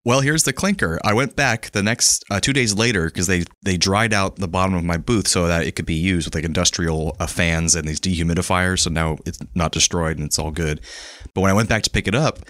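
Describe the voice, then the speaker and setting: A man's voice: deep voice, a little fast, a bit bright, no room sound, studio quality. A man co-hosting a podcast, chatting and telling stories with easy laughs. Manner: chatty storytelling, laughs easily. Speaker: podcast co-host. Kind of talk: casual chat. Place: small office recording booth.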